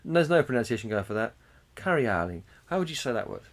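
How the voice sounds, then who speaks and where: A man chatting casually as a podcast co-host. He swears freely and slips into animated retellings, with a middle-of-the-road pitch. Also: very fast. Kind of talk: casual chat.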